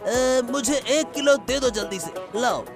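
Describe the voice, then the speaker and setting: A man's voice: very high voice, a little slow, creaky, over music, full character voice. A man voicing a pushy, impatient village customer in a cartoon, insistent and demanding. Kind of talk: animated cartoon dialogue.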